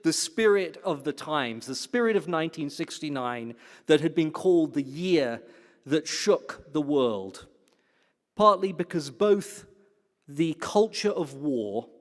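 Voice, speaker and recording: A man's voice: on the high side, slow. Man speaking in a reverberant hall. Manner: animated and playful, asks the audience questions. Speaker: platform speaker. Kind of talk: lecture-style address to a congregation. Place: hall with an audience.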